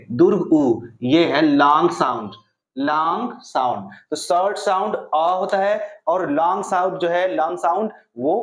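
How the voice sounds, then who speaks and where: High-voiced man teaching in an echoey room. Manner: asks himself questions and answers them. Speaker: English teacher. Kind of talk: explaining pronunciation to viewers. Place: classroom at a board.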